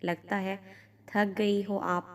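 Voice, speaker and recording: A woman's voice: mid-range voice, level tone, natural voice. A woman reading as a young husband in an audio story. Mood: affectionate. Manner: gentle, turning sharp when scolding. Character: young husband, affectionate but sometimes stern.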